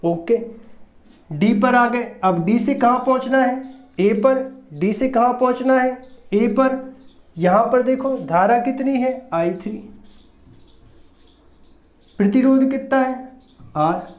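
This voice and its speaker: A physics teacher talks slowly through a lecture, going over every step twice and tossing out little check questions. The room around the voice is roomy and echoing. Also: mid-range voice. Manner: repeats each step and asks rhetorical check questions. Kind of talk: recorded classroom-style lecture. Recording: roomy echo.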